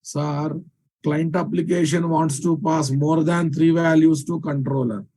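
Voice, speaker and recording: A man with a Telugu Indian accent lectures live on programming. His voice sits a little high for a man and has a very soft, mellow tone. He repeats key phrases for emphasis and often stops to ask whether learners follow. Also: flat delivery, a little slow. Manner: repeats phrases for emphasis, checks understanding with questions. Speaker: programming teacher.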